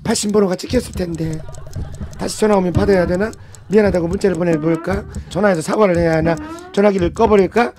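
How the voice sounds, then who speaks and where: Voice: mid-range voice, steady tone, fast, close to an everyday voice. Someone voicing a timid middle-aged mother muttering anxiously to herself. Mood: fretful.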